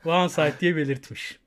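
A man co-hosting a relaxed podcast, his voice sitting a little high for a man. He quizzes his guest in a playful, teasing way and laughs easily between questions. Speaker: podcast co-host. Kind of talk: casual podcast chat.

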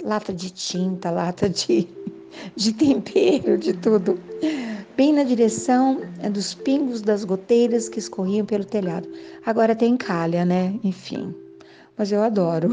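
Gentle older woman telling memories. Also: medium pitch. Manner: gentle, musing, with soft laughs and asides to the listener. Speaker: vlogger. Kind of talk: reflective storytelling monologue. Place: home, indoors.

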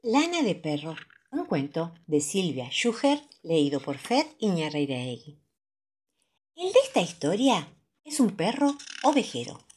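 A woman with a Rioplatense accent reading children's stories aloud in an expressive, sing-song way. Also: fairly low pitch, a little slow, breathy edge. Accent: Rioplatense Spanish. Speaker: storyteller.

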